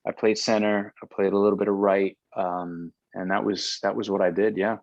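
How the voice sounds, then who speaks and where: A man's voice: fairly low pitch, flat delivery, moderate pace, darkish tone, no room sound, muffled recording. A middle-aged man in a casual conversation, talking in long rambling stretches with frequent restarts. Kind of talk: casual conversation about baseball.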